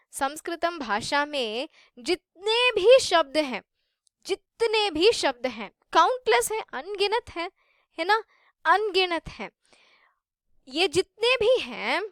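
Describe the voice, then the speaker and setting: Woman, teacher, unhurried lesson, repeats herself, dry close sound. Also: sits high, a bit bright, no echo. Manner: patient, repeats and rephrases points, mixes in English. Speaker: Sanskrit teacher. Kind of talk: explanatory lesson.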